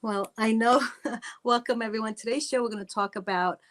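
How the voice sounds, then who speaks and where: A woman's voice: fairly high pitch, steady tone, fairly quick, a bit bright. A middle-aged woman from Italy hosting a faith talk show, speaking earnestly and personally, often adding "right?" and "you know". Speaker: podcast host.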